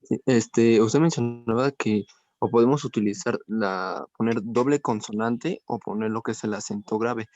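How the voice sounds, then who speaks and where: A man's voice: mid-range voice, steady tone, moderate pace, darkish tone, no echo. A male student in an online class, politely asking his teacher a question with hesitant fillers. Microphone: video call. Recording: dull lo-fi video call audio.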